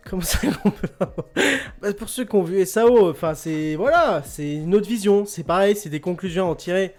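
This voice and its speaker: A man's voice: high-pitched, a little fast, a little mellow, faint music behind. A man hosting a casual quiz show, joking, laughing often and repeating his words. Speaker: host of an online quiz radio show.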